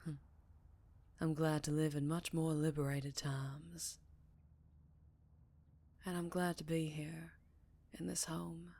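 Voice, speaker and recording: A woman voices a gentle, melancholy vampire lady, English-born, tender and wary, using a low, slow, hushed delivery with a Southern accent. Her tone stays level and heavily acted, soft and reflective, and she speaks affectionately with pauses and sighs. It's an intimate ASMR roleplay, soft and partly whispered.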